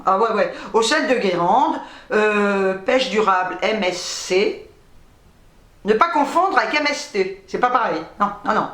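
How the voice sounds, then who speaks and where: A middle-aged woman chatting casually to camera as a vlogger, self-mocking, talking fast and tripping over her words. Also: mid-range voice, a bit bright. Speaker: vlogger showing a grocery haul. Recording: echoey room.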